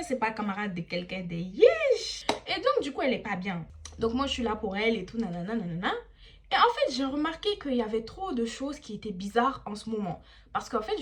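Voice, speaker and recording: A young woman tells a story from her own life as a casual storytime. Her voice sits somewhat high. She is animated and acts out each quote, mixing in bits of English slang. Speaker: vlogger.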